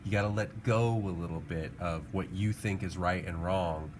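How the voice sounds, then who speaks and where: Background noise comes through clearly as a deep-voiced man talks at normal speed. He is an art teacher giving an easygoing drawing tutorial, musing aloud in an informal and encouraging manner.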